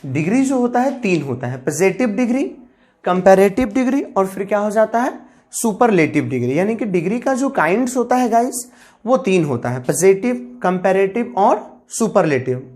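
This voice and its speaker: A woman's voice: medium pitch, very animated, moderate pace, a little mellow. A woman teaching an English grammar lesson, explaining step by step, repeating key terms, spelling words out letter by letter and calling her viewers guys.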